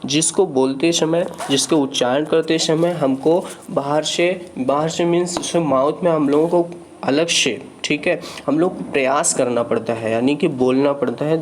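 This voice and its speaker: A man's voice: on the high side, slight background noise. A man teaching Hindi grammar in an online exam-prep lesson. He explains each point patiently and keeps checking in with "ठीक है".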